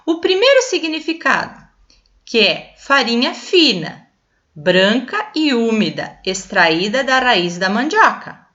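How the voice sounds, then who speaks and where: A Brazilian woman teaches children in a bright, forceful voice that rises and falls with lively animation. She explains patiently, checking often that her young listeners follow along. The recording sounds muffled and lo-fi. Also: on the high side, slow pace. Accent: Brazilian Portuguese. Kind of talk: classroom lesson for children.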